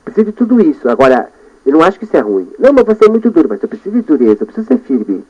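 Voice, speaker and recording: A Brazilian man hosting a radio show, talking in a lively monologue and coaching himself aloud, going from loud bursts to soft murmurs. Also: a little high, very fast. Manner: animated, talks to himself, shifts between loud and soft. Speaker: radio host. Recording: dull lo-fi radio broadcast.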